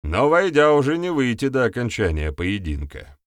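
A man voices a nervous, lying male villager who whines and protests shrilly, with a sly mood. He speaks at a moderate pace in a sing-song, mid-range voice pitched above his own natural voice. The sound is clean studio audio with no echo.

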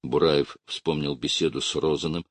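A man reading a literary audiobook in a measured, unhurried way. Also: rumbling low, fairly even intonation, dry recording. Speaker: audiobook narrator.

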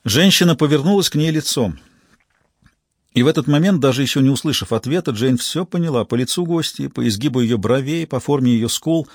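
A man narrating a crime audiobook in a steady, measured storytelling voice. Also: medium pitch, no room sound, clean studio sound.

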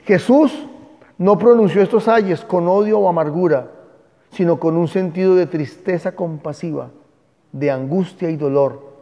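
A man with a high, mellow voice teaches a Bible class a little slowly, speaking emphatically and pausing to dictate spellings to his students. The room recording sounds echoey and dull.

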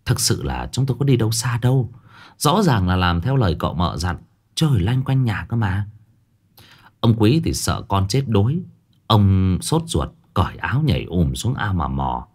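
Guy reading a ghost story, lowish voice, goes up and down a lot. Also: moderate pace. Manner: expressive storytelling. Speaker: narrator.

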